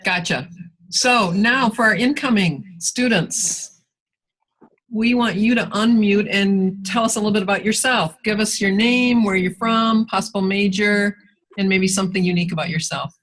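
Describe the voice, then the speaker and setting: A woman runs a virtual workshop with a mid-pitched voice. She talks brisk and friendly, keeping everyone moving over a video call. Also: fairly bright tone, low-quality recording. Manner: brisk, friendly, moves things along. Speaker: workshop facilitator. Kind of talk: leading a video-call meeting.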